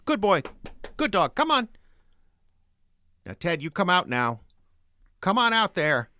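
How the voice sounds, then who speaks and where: A man's voice: deep voice, unhurried, vocal fry, no room sound, studio quality. An actor playing Herbie, an earnest simple country man, in old-time radio drama style. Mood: calling.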